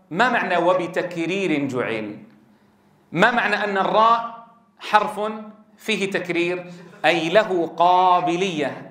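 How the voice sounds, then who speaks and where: A man's voice: high-pitched, a bit bright. A man gives a classroom lecture on Quran recitation rules. He is emphatic, repeats his key points and addresses his listeners as brothers. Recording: echoey room.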